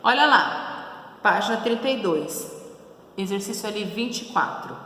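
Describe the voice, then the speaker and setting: A woman's voice: medium pitch, expressive, measured pace, sharp tone. A woman teacher with a São Paulo accent giving a class, asking questions and answering them herself, checking in often. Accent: São Paulo Brazilian Portuguese. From São Paulo, Brazil. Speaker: schoolteacher. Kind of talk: recorded class lesson. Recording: very echoey roomy recording with faint noise.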